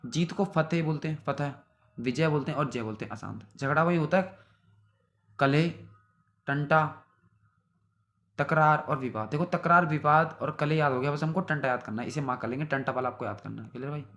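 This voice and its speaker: Fast and a little high, with a slightly bright tone, a young man drills exam vocabulary in a synonym revision class. He goes through word lists repetitively and pauses after each to check on his students, saying "theek hai bhai."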